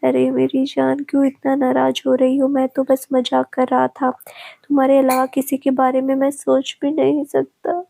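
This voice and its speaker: A woman's voice: high voice, monotone, normal speed, gravelly, dark tone. A woman reading the lines of a doting, playful young man who runs a company, in a romance story. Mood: coaxing. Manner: coaxing, affectionate. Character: young male CEO, doting and playful fiancé.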